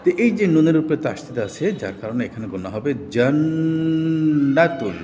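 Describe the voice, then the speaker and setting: A man's voice: mid-range voice, expressive, mellow. Male Quran reading teacher, Bangladeshi Bengali accent, patient letter-by-letter spelling drills, voice carrying a long echo over a faint hum. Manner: spells out letters and vowel marks slowly, then blends them. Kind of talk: step-by-step recitation lesson. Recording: roomy long reverb, faint background hum.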